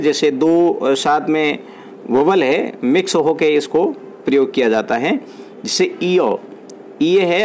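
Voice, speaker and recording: A man's voice: on the high side, darkish tone, slight background noise. Man teaching English phonetics in Hindi. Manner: reads English definitions slowly, then explains in Hindi. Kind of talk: exam-prep lesson.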